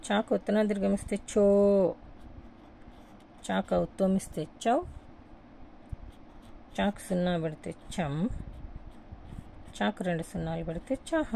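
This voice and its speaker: A patient woman teaching a writing lesson step by step, repeating each point as she writes it out. Her voice is low-toned and gravelly with a soft, dark edge. A faint hiss of room noise sits behind her. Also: slow, long pauses.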